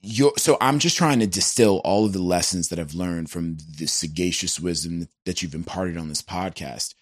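A man's voice: sits low, moderate pace, no echo, studio quality. A man who is a guest musician, talking in an earnest, searching way on a podcast, casual with "bro" and "like".

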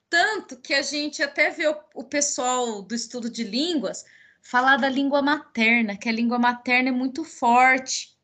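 A woman from Paraná, whose Brazilian Portuguese carries Minas Gerais traits, hosts a casual educational podcast chat as a teacher. She is reflective and restarts her sentences frequently. Her voice is high-pitched, bright and forceful.

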